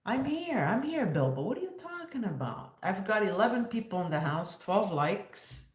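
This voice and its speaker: A woman's voice: mid-range voice, big pitch swings, normal speed, reverberant. A woman in her fifties hosting a casual livestream, joking and sarcastic, laughing often. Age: 50s. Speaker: livestream host.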